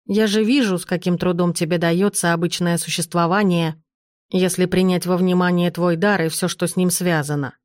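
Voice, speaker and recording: A woman voicing an elderly duchess grandmother, imperious and sharp-tongued, who talks in slow, commanding, clipped phrases. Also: fairly low pitch, steady tone, dry recording, studio quality, close to an everyday voice. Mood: tender.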